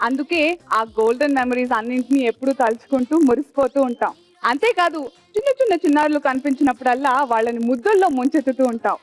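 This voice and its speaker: Upbeat lady host on a kids show, sing-song and coaxing, high voice. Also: lively intonation, fast, dry recording. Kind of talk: bubbly show hosting, Telugu mixed with English. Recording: music playing behind.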